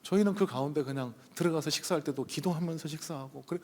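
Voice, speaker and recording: Speaking fast in a slightly high, darkish voice, a male pastor shares a personal anecdote from the pulpit of a church sanctuary. His delivery is conversational and riddled with hesitant fillers, heard through the long reverb of the hall.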